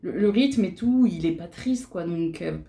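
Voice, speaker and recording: A woman's voice: on the low side, lively intonation, measured pace, mellow. A young woman chatting casually and laughing as she does her makeup for a vlog, with lots of fillers and restarts. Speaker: beauty vlogger. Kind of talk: casual chat while doing makeup.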